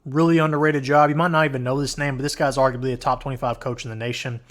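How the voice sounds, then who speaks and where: A man runs through a college football ranking in a loose, casual way, starting each point with "all right." His voice is wearing out as he goes. His pitch sits in a plain middle range. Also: fairly even intonation, fast, fairly bright tone. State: losing his voice. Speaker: host. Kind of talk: college football countdown commentary.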